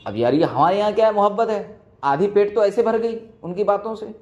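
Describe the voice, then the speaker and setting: A man's voice: sits high, a little fast, darkish tone, faint music behind. A man from Bihar with a Bihari accent, teaching a class in chatty, joking style, telling stories and checking that students follow. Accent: Bihari Hindi. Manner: joking, storytelling, asks students if they follow. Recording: muffled lo-fi recording.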